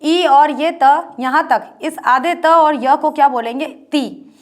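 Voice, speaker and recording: A woman teacher works through a Hindi grammar lesson at a board step by step, often repeating her points as rhetorical questions. Her voice is high-pitched and slow.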